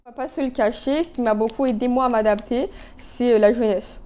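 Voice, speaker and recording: Young woman, chatty makeup vlog, mellow tone, a bit high, phone recording. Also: brisk, clean tone. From Canada. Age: 20s. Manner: chatty, lots of fillers and asides. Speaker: beauty vlogger. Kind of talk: casual chat while doing makeup.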